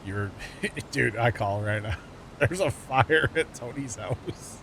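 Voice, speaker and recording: A middle-aged man hosts a gaming livestream, chatting casually, teasing and joking with his co-player and humming as he plays. His mid-range voice is fairly bright and slow, with lively intonation. Game vehicle engine noise runs in the background.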